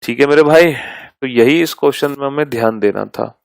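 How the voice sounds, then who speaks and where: A man's voice: medium pitch, gravelly, no room sound, rough recording. A male teacher giving a math lesson, patiently repeating each step and affectionately addressing his students. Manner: reads out terms slowly and deliberately.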